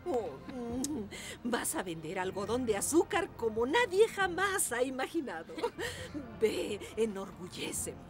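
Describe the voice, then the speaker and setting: A woman's voice: fairly high pitch, sing-song, measured pace. A woman playing a doting, effusive old grandmother in a film dub. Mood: proud. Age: older. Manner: effusive, encouraging. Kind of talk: Spanish film dub dialogue. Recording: film dub over clear music.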